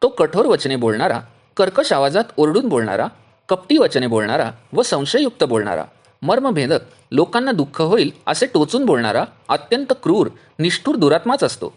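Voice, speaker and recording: A man with a husky, slightly raised voice reads a devotional text, listing quality after quality. His delivery is lively in pitch, with steady, measured pauses between items. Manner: lists traits one by one with measured pauses. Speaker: reader explaining a devotional text. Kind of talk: steady devotional reading of a list.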